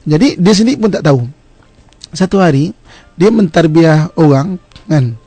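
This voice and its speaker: A man's voice: a little high, expressive, normal speed, mellow, no room sound. A man with a Malaysian Malay accent, a religious teacher giving a radio talk on family life, laying out numbered points and tagging them with "kan?". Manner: explains in numbered points, with rhetorical "kan?" tags.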